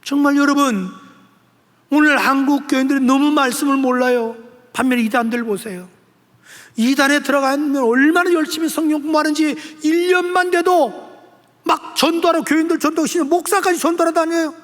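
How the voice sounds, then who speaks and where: A man's voice: very high-pitched, steady tone, brisk, a bit bright. An older man, a senior pastor, preaching a sermon in a church sanctuary, exhorting his congregation and rising into emphatic appeals. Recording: long church hall reverb.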